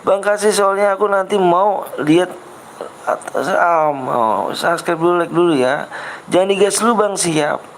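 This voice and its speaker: Fairly high-voiced casual streamer man. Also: a little slow, slight background noise, rough recording. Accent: Jakarta Betawi slang. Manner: patient, reads chat, repeats himself coaxingly. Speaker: game livestream host. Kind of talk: casual livestream chat.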